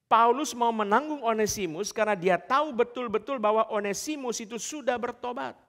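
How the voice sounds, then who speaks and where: A man's voice: extremely high pitch, fairly quick, fairly bright tone. A male pastor preaching a sermon, emphatic and repeatedly addressing the congregation. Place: large church hall. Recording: long church hall reverb.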